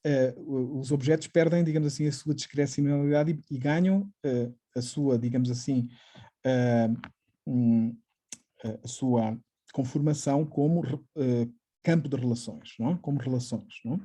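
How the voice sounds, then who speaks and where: A man's voice: mid-range voice, mellow. A middle-aged man giving an academic lecture on poetry, often adding tag questions and hesitant fillers. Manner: frequent tag questions, hesitant fillers, reads quotations slowly. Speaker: literature professor.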